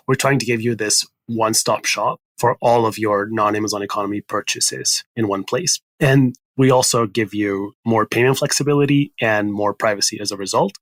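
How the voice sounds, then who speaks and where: A man from Spain, a startup founder guest, explaining his product in a brisk conversational podcast interview. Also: medium pitch, fairly bright tone, no room sound.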